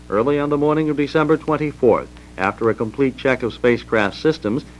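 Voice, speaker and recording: An American man narrates a historical documentary in a formal, measured announcing style. His voice is mid-pitched, on a dull vintage record with faint hum.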